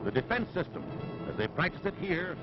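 Old newsreel announcer, high and dramatic. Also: male voice, very animated, fairly quick. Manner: dramatic, declamatory announcer delivery. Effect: old newsreel soundtrack played on air. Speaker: newsreel narrator. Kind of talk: 1940s wartime newsreel narration. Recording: dull lo-fi old film audio with music.

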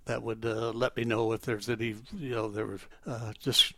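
An elderly man, a retired military veteran, reminiscing in an interview in a rambling, halting way as he searches for details. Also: lowish voice, little pitch movement, sharp tone, dry recording. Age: elderly, 80s or older. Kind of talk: oral history interview, reminiscing.

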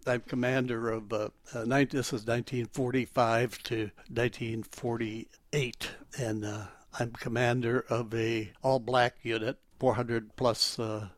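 Elderly man, military veteran, oral history interview, halting rambling speech, self-corrections, dry close recording. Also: medium pitch, dry recording. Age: 80s or older.

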